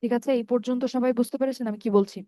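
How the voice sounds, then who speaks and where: A woman teaching an online Arabic grammar lesson in Bengali with a Bangladeshi accent. She explains patiently, step by step, slowly repeats word forms with drawn-out vowels and keeps checking that her students follow. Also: on the high side, steady tone, mellow, dry recording.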